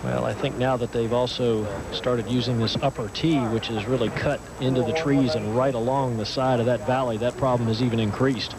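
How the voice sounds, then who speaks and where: A man's voice: mid-range voice, fairly even intonation, fairly quick, hardly any pauses, over a noisy crowd. A man giving live golf commentary, describing and judging shots as they are played. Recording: very noisy outdoor broadcast sound.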